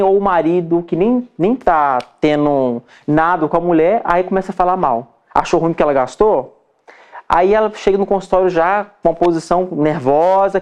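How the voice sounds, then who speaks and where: A man with a fairly high, darkish voice and a Brazilian Portuguese accent. He's a dermatologist giving an informal lecture to other doctors, chatting and constantly checking in with "tá?" and "entendeu?" He acts out examples, shifting his voice as he goes.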